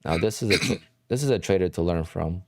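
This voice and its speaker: A New Jersey man hosting a day trading livestream rambles through casual chat, answering questions from viewers in a conversational way. His very low voice is dark and mellow, he talks fairly quickly, and the recording is close and dry with no room sound.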